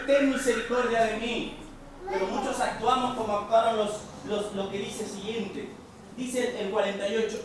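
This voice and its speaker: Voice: mid-range voice, fairly bright tone. A preacher delivers a sermon, calling the listeners brothers and leaning on rhetorical questions. The voice rings through a very echoey church hall. It is picked up from a distance, with faint noise behind it. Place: church sanctuary.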